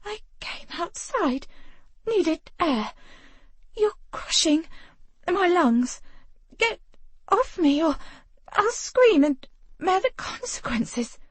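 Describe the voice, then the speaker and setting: Reader performing a high, out-of-breath heroine, defiant, rasping, close and dry. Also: female voice, very animated, slow pace, long pauses, no room sound, heavily acted. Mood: breathless. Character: breathless young woman pinned down, defiant. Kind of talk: audiobook dialogue.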